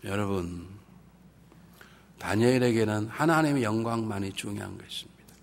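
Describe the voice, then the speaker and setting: A male pastor giving a revival sermon, animated and humorous, swinging between hushed and loud and acting out quoted voices. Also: fairly low pitch, normal speed, gravelly. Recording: reverberant hall with faint background noise.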